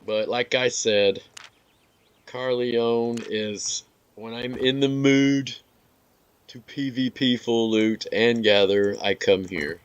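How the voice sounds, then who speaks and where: A man giving relaxed, rambling commentary over his gameplay, with filler words and some hiccups. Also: medium pitch, slow, smooth, lo-fi sound. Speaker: gaming video creator.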